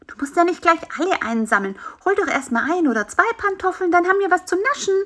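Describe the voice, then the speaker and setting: A woman voicing a cheeky, nosy and bossy male fly in a children's story, talking in an excited, scolding way. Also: very high voice, quick pace, voice pushed up.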